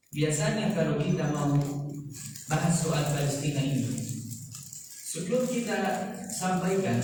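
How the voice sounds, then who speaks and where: A man's voice: a little high, a little mellow. A man preaching to a congregation as a guest, a foreigner speaking non-native Indonesian with a foreign accent and simple phrasing. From outside Indonesia, learned Indonesian after arriving. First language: not Indonesian. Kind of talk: sermon to a mosque congregation. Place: large indoor mosque. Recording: echoey reverberant mosque hall, distant mic, faint noise.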